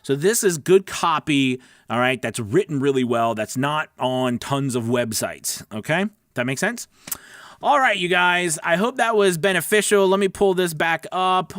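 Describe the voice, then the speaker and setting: A voice-over coach hosting a weekly livestream gives casual, conversational instruction and often checks in with his listeners. His fairly high voice is smooth with a fairly bright tone, recorded in clean studio sound with no echo.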